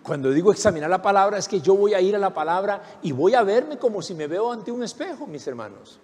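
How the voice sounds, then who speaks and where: A man's voice: sits high, sing-song, fairly quick, a little mellow, in a large hall. A man preaching a sermon as pastor. He asks rhetorical questions and calls on the congregation to repeat after him.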